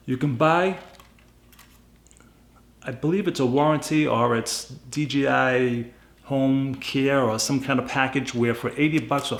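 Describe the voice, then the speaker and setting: This medium-pitched man from New England has a Boston accent and records YouTube gadget reviews in a reverberant space. His review is casual and unscripted, plainspoken and emphatic, and he repeats himself to drive points home.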